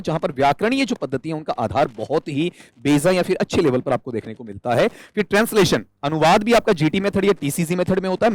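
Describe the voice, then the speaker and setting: A man's voice: on the high side, no room sound. A man teaching an exam-prep English lesson, explaining step by step and asking and answering his own questions. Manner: calls students "beta".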